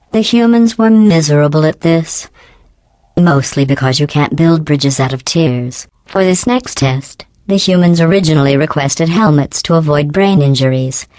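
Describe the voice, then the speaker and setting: A woman voices a video game's passive-aggressive female artificial intelligence that runs lab tests, sounding deadpan, falsely polite, and dryly disdainful. The dry recording is scripted, with robotic pitch-corrected processing producing a synthetic, mechanical cadence.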